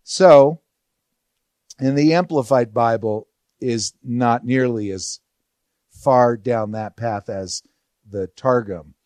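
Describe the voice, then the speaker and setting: A man's voice: mid-range voice, slow, long pauses, darkish tone, dry recording, clean studio sound. A man teaching a Bible study verse by verse, explaining in a conversational way and asking rhetorical questions.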